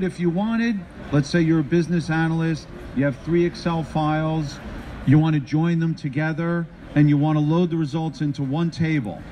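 Man, middle-aged, conference presenter, somewhat high voice, upbeat, asks the crowd questions, handheld mic, faint floor noise behind. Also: mellow. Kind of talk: live tech presentation to an audience. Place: trade show floor stage.

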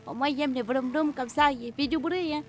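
A woman's voice: sits high, brisk, soft background music, natural voice. A woman voicing a cheerful foreign medic who talks in broken French and repeats herself. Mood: babbling. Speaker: streamer role-playing a medic. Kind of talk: in-character game role-play.

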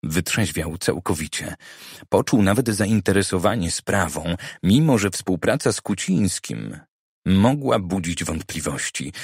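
Male narrator, deep and a bit husky, steady crime-novel reading, dry booth recording. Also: no room sound. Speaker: audiobook narrator. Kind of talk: scripted narration. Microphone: studio microphone.

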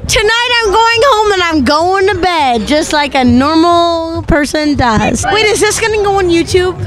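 Very high, animated young woman out partying. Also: unhurried. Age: young adult. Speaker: interviewee on a night out. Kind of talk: casual, jokey chat. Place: outside nightclubs at night. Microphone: handheld interview mic. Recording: crowd and music behind.

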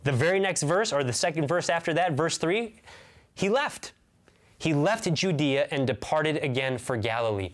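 In a small room with bookshelves, a man in his thirties from America delivers a teaching sermon to the camera. His voice is fairly high-pitched and animated, at a moderate pace. As a pastor, he speaks with earnest emphasis, returning to key phrases and asking rhetorical questions.

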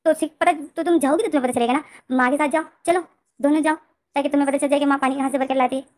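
Lady voicing a bossy loud young guy, scolding everyone, fast talker. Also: high voice, fairly even intonation, voice pushed up, close to an everyday voice. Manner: scolding, insistent. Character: bossy, loud young man ordering others around.

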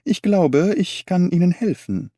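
A man playing a composed, clever detective in a storybook reading. He speaks in a measured, assured way with a lively, varied melody. The sound is close and dry. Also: high-pitched, no room sound, voice pushed up. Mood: calm, confident. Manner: measured, gentle, self-assured. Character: calm, clever male detective, self-assured. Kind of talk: audiobook character voice.

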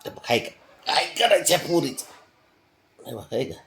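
A man's voice: a little high, big pitch swings, normal speed, creaky, fairly bright tone, slight background noise. A man talking to his pet cat in a coaxing, teasing way, laughing often in casual baby talk at home.

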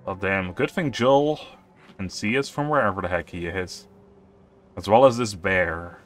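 Lowish voiced guy chatting through a survival game, wry and offhand, faint noise. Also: expressive, moderate pace, a bit bright. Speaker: gaming youtuber. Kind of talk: casual game commentary.

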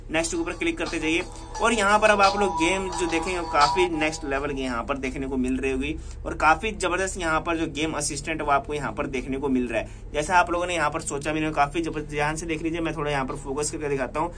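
Demonstrating a phone feature, this Indian-accented man walks through a relaxed, hands-on tech tutorial, explaining things over and over and slipping in English words. He sounds on the high side and a bit bright, over a slight hiss or hum.

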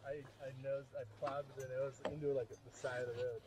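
A soft-spoken man in a casual chat, hesitant and filling his talk with "like". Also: mid-range voice, flat delivery, a little fast, noisy background. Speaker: motorcycle rider.

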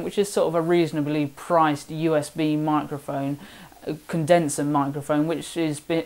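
A seventeen-year-old young man from the south of England with a southern English accent, chatting casually and self-deprecatingly in a vlog voice-over. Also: a little high. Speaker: woodworking vlogger. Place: home workshop.

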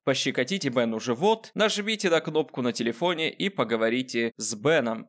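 Male gaming host, mid-pitched, casual, sarcastic commentary aimed at the character on screen. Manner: sarcastic, talks to the game character. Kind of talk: casual joking gameplay commentary.

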